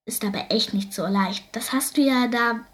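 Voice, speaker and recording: A woman's voice: on the high side, moderate pace, fairly bright tone, natural voice. A woman voicing a boastful older brother who teases and mocks his sister in a storybook reading. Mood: condescending. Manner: teasing, mocking.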